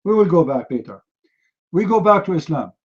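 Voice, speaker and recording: Here the Arabic-speaking host of a heated online debate sounds a little high and husky, very animated but at a normal speed. He keeps up a combative, mocking tone, hammering his opponent with the same demands. The stream's sound is dull and lo-fi.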